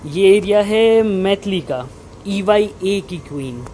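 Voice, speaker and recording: A man's voice: high-pitched, lively intonation, slow, warm tone. A young man giving a casual vlog tour, informally mixing in English technical terms, his voice slightly muffled by a face mask. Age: young adult. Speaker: vlogger and lab researcher. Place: indoor research lab. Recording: muffled by mask, clear equipment hum. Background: running lab equipment and air conditioning hum.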